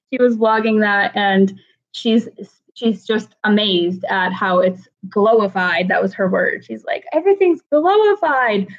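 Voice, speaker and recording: Over dull, lo-fi stream audio, a woman chats casually from home with her livestream viewers, welcoming them by name as they appear in chat. She talks slowly, with a medium pitch and a steady tone.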